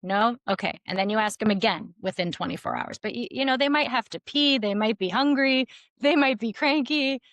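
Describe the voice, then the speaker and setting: Animated woman coaching on relationships. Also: on the high side, a little fast, no room sound. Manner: animated, acts out quotes with lots of "like". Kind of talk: casual podcast interview.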